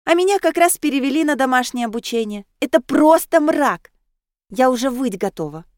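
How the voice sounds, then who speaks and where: A woman's voice: lively intonation, normal speed, dry recording, clean studio sound. A woman voicing a cheerful, bubbly teenage girl dressed as a mouse, talking in a chirpy, eager way. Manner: chirpy, eager, high-pitched.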